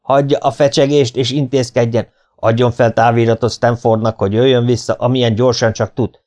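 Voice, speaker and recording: A man's voice: medium pitch, level tone, a little mellow, voice pushed up, lightly acted. A man reading an audiobook, voicing a stern male police chief who barks orders at his men. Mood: commanding. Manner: barking orders, stammering when shocked.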